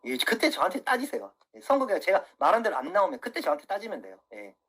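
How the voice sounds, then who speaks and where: A man's voice: high voice, huge pitch swings, fast talker, pushed and bright. A man in his thirties on a livestream, swearing angrily and lecturing his viewers, keeps asking "예?". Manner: profane, angry, keeps asking "예?". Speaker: political YouTuber. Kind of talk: livestream rant.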